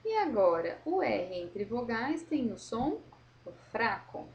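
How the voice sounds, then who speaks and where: A woman teacher correcting a worksheet for young pupils, slowly modelling words and explaining patiently. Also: fairly high pitch, sing-song, lo-fi sound. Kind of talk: correcting a school worksheet for children.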